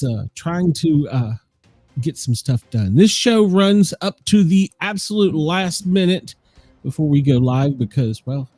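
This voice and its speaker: A man hosts a live show with loose, casual chatter. His voice sits a little high and moves around a lot, mellow in tone and somewhat rough. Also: dry recording. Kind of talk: casual, rambling live chat.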